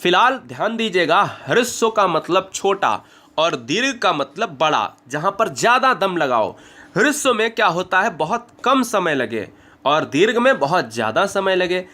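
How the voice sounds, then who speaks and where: A man's voice: sits high, sing-song, measured pace, pushed and bright. A man teaching a Hindi grammar lesson for exam preparation, speaking straight to his students and often checking "है ना?" as he demonstrates the vowel sounds aloud. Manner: addresses students directly, checks understanding with "है ना?".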